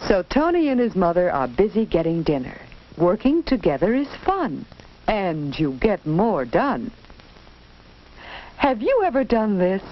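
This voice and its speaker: In an unhurried, very animated mid-range voice, a woman guides children through a 1940s educational film, telling it as a simple story and instructing the listener directly. The lo-fi, band-limited soundtrack of the era has background noise.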